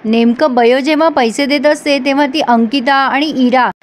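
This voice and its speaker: A woman with a high voice retells an episode of a serial in casual narration, speaking at a moderate pace with fairly even intonation. She reads the characters' lines in her own voice and laughs now and then.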